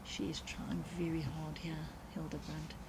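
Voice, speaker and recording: A South African woman provides live sports commentary in a low-pitched voice. Noticeable ambient noise from the live event surrounds her as she talks. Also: flat delivery, a little slow. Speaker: commentator and club marketing organiser.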